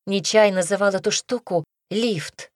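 A woman narrator voicing a quiet, matter-of-fact young woman in an audiobook, with a slightly higher voice. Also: a little slow, no room sound, clean studio sound, natural voice. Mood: explaining.

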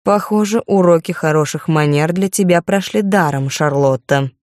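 A woman's voice: lowish voice, moderate pace, a little mellow, dry recording, studio quality, natural voice. A woman voicing a stern, haughty aristocratic viscountess who speaks in a cold, clipped, commanding way. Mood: severe.

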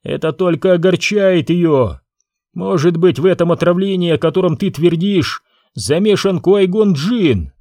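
A man's voice: high voice, a little slow, no echo, studio quality, voice pushed up. Man doing a furious young prince. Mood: accusing. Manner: heated, accusing, shouting. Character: proud angry young prince, quick to accuse.

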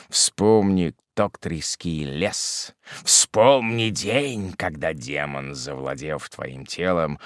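A man's voice: lowish voice, creaky, a bit bright, no echo, studio quality, exaggerated voice. A man reading an audiobook and voicing a cruel, mocking demon disguised as a dwarfish hermit, in a hollow, menacing voice. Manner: hollow, menacing, drawn-out, at times whispered.

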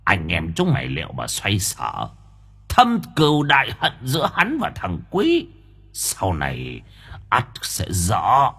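A man voicing a cryptic old spirit master in an audiobook, speaking in slow, drawn-out pronouncements. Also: sits low, fairly bright tone, breathy edge, pitched below the performer's own voice, heavily acted. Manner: slow, drawn-out sage pronouncements with sudden chuckles.

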